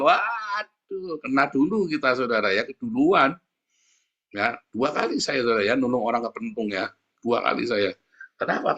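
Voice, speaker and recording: A middle-aged male pastor preaching a casual, animated sermon and acting out the voices in his stories. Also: mid-range voice. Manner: casual, animated, acts out dialogue. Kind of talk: conversational sermon.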